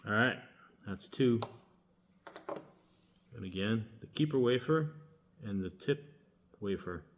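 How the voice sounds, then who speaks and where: A man who works as a locksmith, giving a casual hands-on demonstration and thinking aloud in a relaxed, halting way while he works. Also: lowish voice, slight background noise. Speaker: locksmith demonstrating key making.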